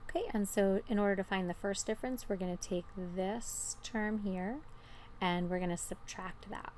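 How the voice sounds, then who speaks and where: A woman's voice: mid-range voice, moderate pace, a little mellow, a little hiss or hum. A woman teacher giving an informal, step-by-step explanation in a recorded math lesson.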